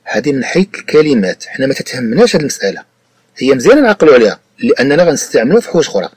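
Very animated and racing along, a man with a mid-range, slightly rough voice teaches French in a dry recording. Despite the speed, he is patient, repeating points and checking that his student gets it, and he carries a Moroccan Arabic accent.

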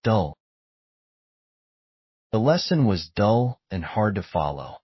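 A man with a low, husky voice reads vocabulary words and example sentences from a script, very slowly and with measured, deliberate enunciation, though his pitch moves lively. The recording is dry, with no echo, and sounds a little dull, missing high end.

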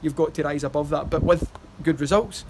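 The post-match interview continues outdoors beside the stadium wall, where the Scottish manager, a man in his thirties, rambles on with fillers and restarts. He speaks fairly quickly in a voice on the high side, against a noisy background.

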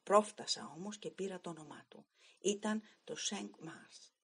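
A woman narrates an audiobook story in a calm, measured tone. Her voice sits low and is deeply husky. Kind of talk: scripted narration of a short story.

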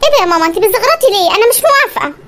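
A performer voicing a stubborn young bride in a comedy cartoon, speaking Egyptian Arabic in a sharp, defiant manner. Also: expressive, very noisy. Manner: sharp, defiant, fast squeaky voice. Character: stubborn young woman bride refusing a suitor.

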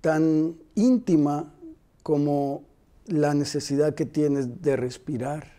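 A man in his sixties, a pastor hosting a devotional TV show, talking calmly and reflectively in a studio on a lapel mic. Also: a little high, takes it slowly. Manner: calm, reflective, paraphrases the guest. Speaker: pastor and TV host. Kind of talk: devotional TV interview. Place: TV studio set, indoors.

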